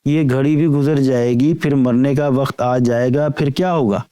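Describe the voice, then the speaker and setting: A man reading a Sufi spiritual lecture aloud in a measured, deliberate way, often repeating phrases. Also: mid-range voice, steady tone, warm tone, clean tone, no room sound. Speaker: reader of spiritual talks.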